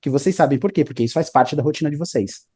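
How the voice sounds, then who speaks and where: In a casual interview, a male English teacher explains study tips, often tacking on "né?" and "tá?" as he goes. His voice sits a little high and sounds mellow and husky, and he talks rapid-fire in an explanatory manner.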